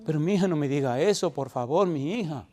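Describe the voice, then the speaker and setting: A man's voice: fairly high pitch, expressive, quick pace, darkish tone. A man voicing an elderly father near ninety who pleads with his daughter, emotional and tender. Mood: pleading, tearful. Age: older.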